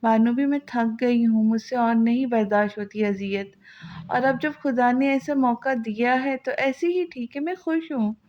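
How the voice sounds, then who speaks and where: A weary, gentle young woman who is quietly resigned, from an audio novel, voiced by a woman narrator. She speaks softly and pleadingly in a fairly high voice. The audio is slightly dull. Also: a little slow, natural voice.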